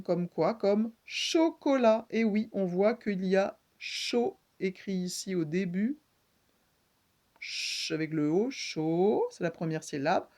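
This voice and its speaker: Woman, speech therapist, unhurried reading lesson for young kids, mid pitch, patient and clear. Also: darkish tone. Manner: slow, clear, patient articulation of sounds.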